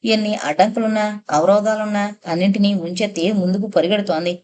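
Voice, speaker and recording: A woman narrator voicing a playful, quick-witted young woman who teases and lightly mocks in an audiobook. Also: medium pitch, steady tone, a little mellow, lightly acted. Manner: teasing, lightly mocking. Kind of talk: audiobook character reading.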